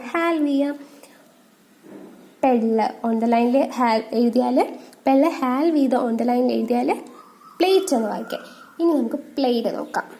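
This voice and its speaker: A woman's voice: fairly high pitch, mellow. A woman teaching shorthand, asking questions and answering them herself. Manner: asks questions and answers them herself, reads rules slowly. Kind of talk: explanatory lesson.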